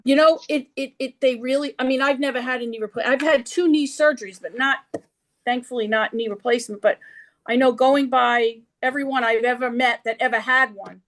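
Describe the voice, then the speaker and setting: A woman's voice: high voice, steady tone, a little fast, fairly bright tone. A woman with a New York accent hosting a casual chat, talking at length in a sympathetic way over a video call. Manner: chatty and sympathetic, talks at length. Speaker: host.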